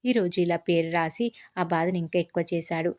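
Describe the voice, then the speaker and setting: A woman's voice: fairly low pitch, brisk, a little mellow, lightly acted. A spiteful scheming aunt, as a woman reads her. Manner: spiteful, goading. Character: scheming middle-aged aunt stirring up trouble.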